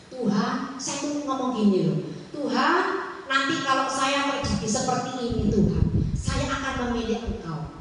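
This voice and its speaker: An older woman preaching a sermon with personal testimony at a prayer meeting, often calling to her listeners and swinging between loud and hushed passages. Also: fairly high pitch, a little hiss or hum. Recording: echoey hall from far off.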